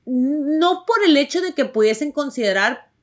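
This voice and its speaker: She's a young actress from Tijuana with a northern Mexican accent and a high, expressive voice, recounting her story to viewers at a measured pace. The telling is warm, chatty and emphatic, full of fillers and false starts.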